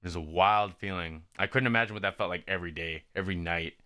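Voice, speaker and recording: Bright, clear-voiced man reacting casually. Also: deep voice, fast talker. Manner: laid-back, musing, says "like" and "man" a lot. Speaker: YouTube reaction host.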